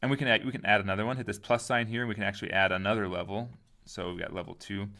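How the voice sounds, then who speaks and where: A man casually talking through a software tutorial, thinking aloud and often trailing off into quiet asides. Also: on the low side, steady tone, very fast, gravelly. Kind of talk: casual screen-recorded tutorial.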